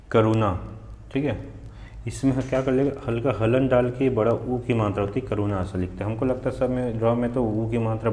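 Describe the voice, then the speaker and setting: Chhattisgarhi hindi teacher guy, keeps asking and answering himself, mellow voice, roomy echo. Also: lowish voice. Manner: repetitive drilling, asks then answers himself. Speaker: exam-prep Hindi teacher. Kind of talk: spelling lesson for exam students.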